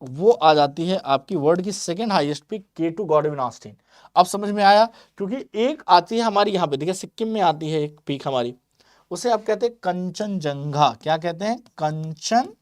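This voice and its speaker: A man's voice: sits high, moderate pace, no room sound, clean studio sound. Male tutor quizzing his class. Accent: Hindi. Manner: repeats points with quiz-style questions; mixes English terms into Hindi. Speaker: teacher. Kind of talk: exam-prep geography lecture.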